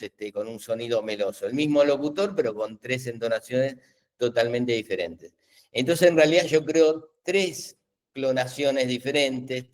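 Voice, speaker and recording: A man's voice: medium pitch, darkish tone. Man explaining patiently. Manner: patient, explanatory, many fillers and restarts. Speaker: webinar host explaining AI tools. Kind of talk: live webinar Q&A explanation.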